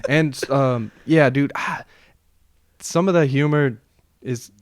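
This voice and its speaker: A man in his twenties hosting a casual podcast chat, relaxed and slangy, often saying "dude" and "man". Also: mid-range voice, slow, slight background noise. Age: 20s. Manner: laid-back, peppers speech with "dude" and "man".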